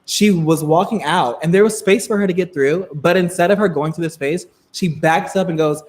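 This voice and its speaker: A man's voice: a little high, moderate pace. Chatty young man telling a story. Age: 20s. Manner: chatty, filler-heavy, frequent laughs, swings between loud and soft. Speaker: live stream storyteller. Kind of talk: casual storytelling to a live chat.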